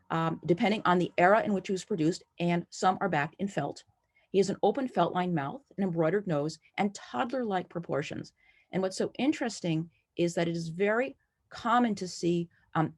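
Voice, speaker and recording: Enthusiastic woman with a husky, low voice. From United States. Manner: friendly, enthusiastic, lightly playful. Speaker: collector presenting a talk. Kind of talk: prepared presentation over slides.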